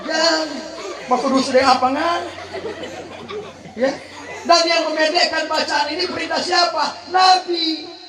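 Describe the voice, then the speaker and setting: A man with a notably high voice delivers a lively, humorous sermon, teasing his congregation and pulling them into call-and-response. He breaks into slow, melodic Quran chanting now and then. The sound is roomy and echoey, as from a PA in a large hall. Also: a crowd in the background. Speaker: preacher.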